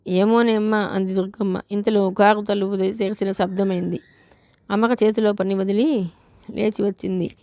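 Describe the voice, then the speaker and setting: Steady, even woman novel narrator. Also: medium pitch, moderate pace, dry recording. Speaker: audiobook narrator.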